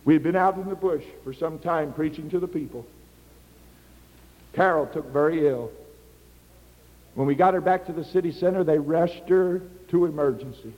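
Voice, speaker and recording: Older male missionary preacher, lively storyteller, high voice, echoing sanctuary. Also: moderate pace, long pauses, lo-fi sound. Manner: animated storyteller acting out dialogue. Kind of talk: sermon with personal storytelling.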